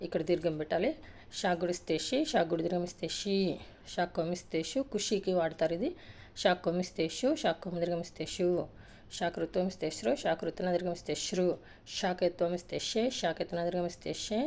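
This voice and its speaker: A woman teacher runs through an alphabet drill at a quick clip, in a repetitive sing-song rhythm. Her voice sits fairly low, with a mellow, gravelly edge. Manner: rapid sing-song drill recitation with brief asides. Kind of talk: reciting a Telugu alphabet lesson.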